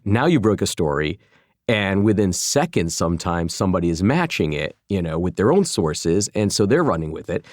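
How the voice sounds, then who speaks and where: A deep-voiced former journalist from Chicago, now a food entrepreneur in his forties, is a guest in a casual interview conversation. He sounds thoughtful, with a darkish tone, restarting often and saying "you know" a lot. The recording is dry and studio quality.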